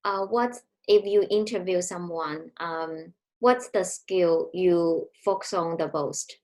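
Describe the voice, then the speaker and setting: Slow-spoken woman, Chinese native speaker. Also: lowish voice, a little mellow. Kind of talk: casual chat.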